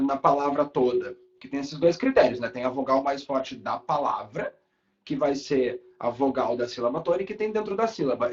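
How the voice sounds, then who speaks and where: A man's voice: a little high, a little mellow, dull audio. A young adult man, teaching a live online class in a casual, chatty way with light swearing. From Brazil.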